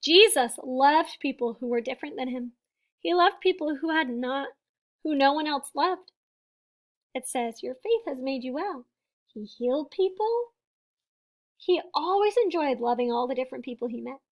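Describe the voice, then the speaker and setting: A teacher reading a picture book to children speaks in a high, expressive voice. She shapes her phrases deliberately and presses on important words, explaining simply for her young audience.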